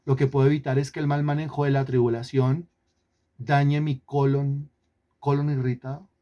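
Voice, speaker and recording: A man's voice: medium pitch, flat delivery, normal speed, highs cut off. A man preaching a sermon, who repeats phrases, asks the congregation rhetorical questions, drawls out key words for emphasis and drops in sarcastic asides. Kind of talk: sermon teaching.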